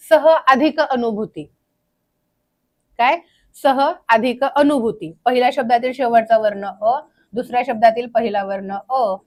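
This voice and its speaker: Young female teacher, a bit high-pitched, runs a repetitive grammar drill. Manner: questions the class and answers herself; drills slowly, repeating terms. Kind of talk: grammar lecture.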